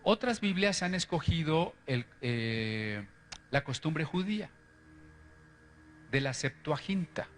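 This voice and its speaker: A man's voice: a little high, expressive, slow, pauses often, slight background noise. A man lecturing on the history of Bible translations, explaining step by step and often checking in with his listeners.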